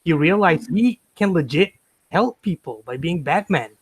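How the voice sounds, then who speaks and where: Rambling higher-voiced man, dry sound. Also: expressive, normal speed, husky, no echo. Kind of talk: casual chat.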